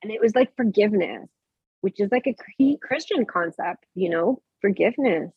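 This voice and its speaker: A woman in her thirties tells a candid personal story in a breathy, slightly husky voice. She gets animated and acts out remembered dialogue. The sound is close and dry, with a dull, muffled tone. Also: mid-range voice, moderate pace, dry recording. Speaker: podcast guest.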